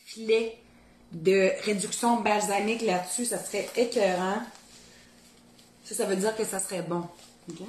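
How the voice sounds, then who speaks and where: A woman's voice: medium pitch, reverberant. A woman with a Québécois accent from the Beauce region, hosting a casual cooking video and chatting colloquially as she works in her home kitchen. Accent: Beauce Québécois French. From Beauce, Quebec. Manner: chatty, thinks aloud while working, colloquial Québécois speech. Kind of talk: casual cooking demo chat.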